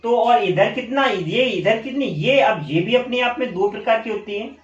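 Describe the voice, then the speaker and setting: A male teacher giving a classroom lesson, asking questions and answering them himself, and repeating key terms slowly. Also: high-pitched. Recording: echoey room, dull lo-fi sound.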